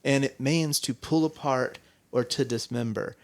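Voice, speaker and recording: A man's voice: medium pitch, unhurried, creaky, no room sound. A man co-hosting a casual church podcast, telling stories in a rambling, self-correcting way. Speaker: co-host.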